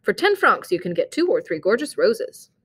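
A woman's voice: mid-range voice, big pitch swings, moderate pace, a bit bright, breathy edge. A woman voicing a thrifty, eager male clerk, speaking in a coaxing, earnest tone in a storybook reading.

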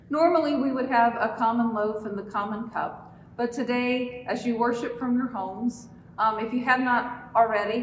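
A woman pastor leading communion liturgy in a calm, measured way. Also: a little high, a little hiss or hum. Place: church sanctuary. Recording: distant mic in an echoey church with reverb.

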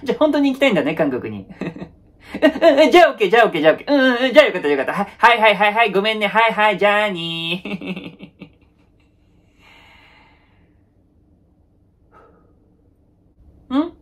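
A man's voice: high-pitched, animated, moderate pace, long pauses, fairly bright tone. A man playing a young boyfriend in a one-sided comedy sketch, placating, repeating phrases nervously and laughing awkwardly. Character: young male boyfriend, placating, avoids any conflict.

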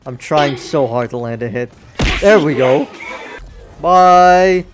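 A young man with a slightly high voice commentates his fighting game live, swearing freely and yelping whenever an attack misses. Faint game music plays behind him. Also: takes it slowly. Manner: excitable, swears a lot, yells at misses. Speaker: game streamer. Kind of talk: casual gameplay commentary.

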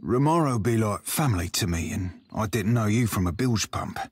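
A man's voice: on the low side, expressive, moderate pace, darkish tone, slightly rough, no echo, clean studio sound. A man voicing a loyal pirate crewman confiding in his captain, earnest and salty. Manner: earnest, salty sailor talk. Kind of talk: video game voice acting.

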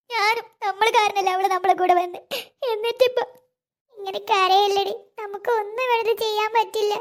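A performer voicing worried little girls in a cartoon, speaking in anxious, fretful chatter. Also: very high voice. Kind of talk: cartoon voice acting.

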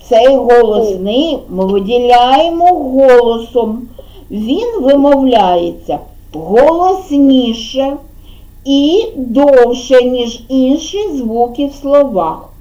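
Kindergarten teacher, woman, Ukrainian accent, high mellow voice, slow sing-song delivery, dull lo-fi classroom sound. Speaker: preschool teacher. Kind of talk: preschool lesson with children.

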